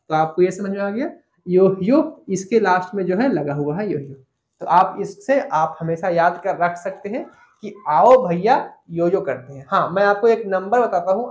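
A man's voice: sits high, a little mellow. Echoey male teacher explaining step by step. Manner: explains step by step, repeats key points, asks students questions. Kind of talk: online grammar lesson. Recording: echoey room.

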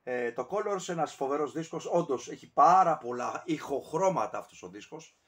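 A man's voice: fairly high pitch, expressive. A man casually ranking albums on camera, talking in a rambling, digressive way with many fillers and self-corrections. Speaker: music reviewer.

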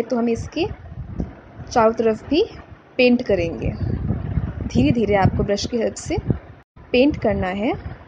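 A woman's voice: a little high, background noise. A woman hosting a craft channel, giving a patient, step-by-step DIY voice-over and mixing English words into her Hindi.

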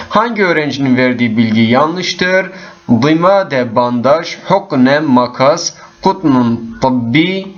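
A man's voice: mid-range voice, highs cut off. A male teacher walking through exam questions one by one, patiently reading each option aloud to his students. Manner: patient, addresses class as friends, reads options aloud. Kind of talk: exam walkthrough lesson.

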